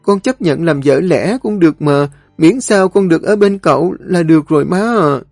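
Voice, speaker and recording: A woman's voice: on the low side, animated, moderate pace, creaky, darkish tone, no echo, clean studio sound, voice pushed up. A man voicing a young daughter who pleads with her mother through tears, in an audio story. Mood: pleading. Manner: pleading, sobbing.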